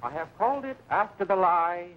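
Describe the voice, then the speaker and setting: An actor playing a grandiose lecturer making a theatrical speech with dramatic flourishes in a 1940s film. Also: male voice, high-pitched, expressive, brisk. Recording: muffled, noisy 1940s film soundtrack.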